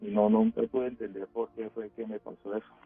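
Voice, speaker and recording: A man calling in to a radio show, telling a frightening story of his own in a hesitant way, with many pauses. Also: mid-range voice, sing-song, creaky, soft background music. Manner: hesitant, full of pauses and fillers. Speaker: caller. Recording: dry tinny phone line.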